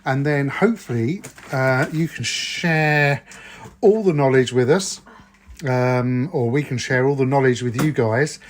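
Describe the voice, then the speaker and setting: Man, middle-aged, casual review chat, hesitant, mid pitch, small room. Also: unhurried, a little hiss or hum. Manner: chatty, hesitant with many ums. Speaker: vlogger. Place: tiny bedroom in a static caravan.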